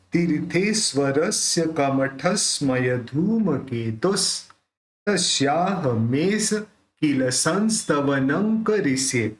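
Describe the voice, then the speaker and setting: A man with a Hindi accent teaching the pronunciation of devotional verses, explaining each sound and then reciting the lines in a slow, measured chant. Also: a little high. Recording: echoey room.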